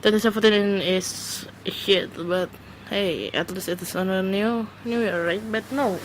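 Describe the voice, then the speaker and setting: Her voice sits at medium pitch and moves a little slowly, heard through a rough recording with slight background noise. She's a woman whose first language isn't English, alone at home recording her first solo podcast on a phone, and the casual monologue is hesitant, with many fillers and restarts.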